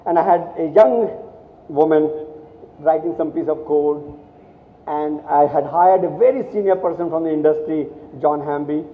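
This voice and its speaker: A guest speaker from India gives a motivational speech to college students, telling stories animatedly with many restarts and repeated words. His voice is a little high and his pace moderate. The recording sounds echoey, like a hall, and thin, like a phone.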